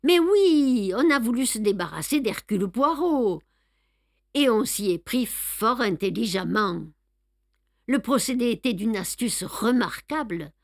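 Hercule Poirot, brisk and bossy, as a woman reader puts him on. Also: fairly high pitch, animated, no echo, clean studio sound. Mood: triumphant. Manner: brisk, commanding, exclamatory. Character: fussy excitable older male detective. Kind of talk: audiobook reading with voiced dialogue.

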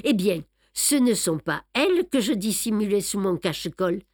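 A woman's voice: mid-range voice, moderate pace, dry recording, studio quality, lightly acted. A woman reading aloud and voicing a fussy, self-satisfied older male detective who boasts of his clever plans. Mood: boastful. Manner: boastful, explaining, lively emphasis. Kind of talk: audiobook reading.

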